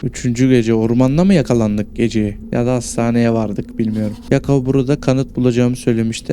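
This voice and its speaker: A man's voice: medium pitch, background noise. A man giving casual commentary while he plays a horror game. He swears constantly and reacts jumpily to what happens on screen. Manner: crude, swears constantly, jumpy reactive banter.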